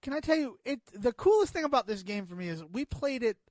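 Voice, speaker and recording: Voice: medium pitch, lively intonation, fast talker, darkish tone, no room sound. A podcast co-host chatting about a board game, enthusiastic and rambling while searching for the right words. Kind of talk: board game review chat.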